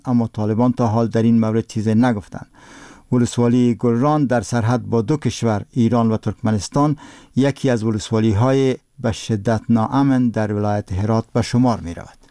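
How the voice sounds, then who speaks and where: Solemn Afghan male newsreader, mellow voice. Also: medium pitch, steady tone, clear, resonant tone, dry recording, studio quality. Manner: solemn, formal newsreader delivery. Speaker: radio newsreader. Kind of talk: formal scripted news bulletin.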